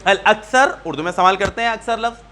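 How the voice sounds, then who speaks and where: High-voiced man teaching a class. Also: sharp tone. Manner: patient, quizzes students, repeats key points. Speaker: Quran teacher. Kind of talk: classroom lesson. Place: community class room.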